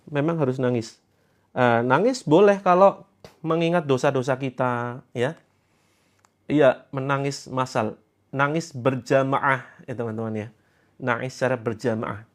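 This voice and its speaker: A man coaching viewers on a live stream in a chatty way, laughing often and reading out their comments. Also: mid-range voice. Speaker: online self-help and therapy coach. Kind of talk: casual live-stream talk.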